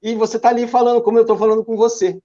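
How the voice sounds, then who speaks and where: A man's voice: extremely high pitch, flat delivery, rapid-fire, warm tone. An older man from Brazil with a Brazilian Portuguese accent, talking as an interview guest about his backpacking travels. He is an enthusiastic storyteller who poses rhetorical questions and answers them himself. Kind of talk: casual interview over a video call. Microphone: video call. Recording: lo-fi video call audio.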